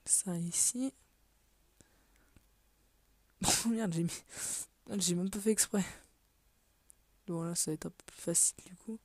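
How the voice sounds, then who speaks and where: Playing a puzzle game, this gaming video creator offers casual let's play commentary, muttering to herself, swearing offhandedly and frequently dropping to a half-whisper. Her darkish voice is on the low side, slow, with long pauses, recorded dry.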